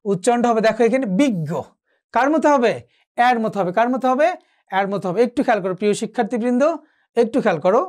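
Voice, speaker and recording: A teacher giving an exam-prep lecture on pronunciation rules, asking questions and answering them himself, repeating key points. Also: male voice, extremely high pitch, darkish tone. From Bangladesh. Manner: asks and answers own questions, repeats for emphasis.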